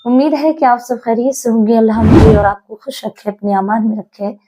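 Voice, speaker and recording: Woman preacher, religious sermon, earnest and repetitive, somewhat high voice. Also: steady tone, fairly quick, warm tone, slight background noise. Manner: addresses listeners as dear brothers, earnest and repetitive.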